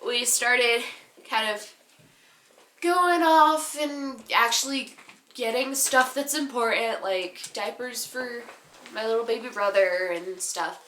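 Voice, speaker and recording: A teenage girl vlogger telling a casual story-time tale in an animated, giggly, rambling way. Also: on the high side, slow, reverberant, a little hiss or hum.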